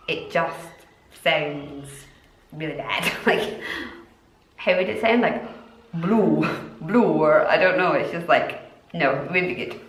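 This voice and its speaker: A woman's voice: medium pitch, a bit bright. Chatty Scottish woman in an echoey room. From Scotland. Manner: chatty, giggly, drawn-out emphatic words. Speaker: vlogger and mother of two. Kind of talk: casual chat to camera.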